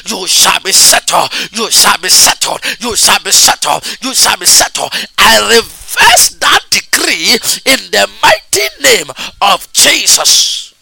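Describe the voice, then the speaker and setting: Fiery preacher, high gravelly voice. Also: male voice, low-quality recording. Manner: chanting repetitive declarations, rising to shouts. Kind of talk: fervent prayer with speaking in tongues.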